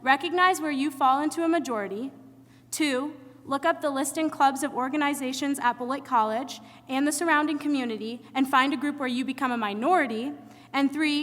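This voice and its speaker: A young woman reads an earnest prepared speech as emcee, her voice high and bright. It rings out with a long reverb across a large hall. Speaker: student emcee.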